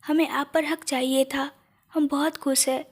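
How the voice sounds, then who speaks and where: Shy sweet young wife, as the woman reading puts her on, meek, high voice. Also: level tone, measured pace.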